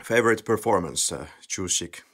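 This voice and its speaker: Very deep-voiced man, podcast host. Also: animated, normal speed, fairly bright tone. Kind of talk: casual podcast discussion.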